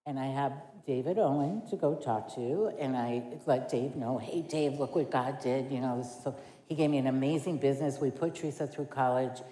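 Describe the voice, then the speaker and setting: A woman's voice: very deep voice, fairly quick, dark tone. A middle-aged woman, a women's ministry director, telling her story as a church testimony in a candid way, laughing and acting out dialogue. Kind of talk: testimony sermon. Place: church sanctuary. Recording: echoey church hall.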